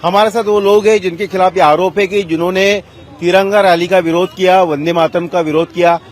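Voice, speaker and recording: A man's voice: high-pitched, fairly even intonation, brisk. A male field reporter on a city street, asking pointed, probing questions. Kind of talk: news reporting and street interview.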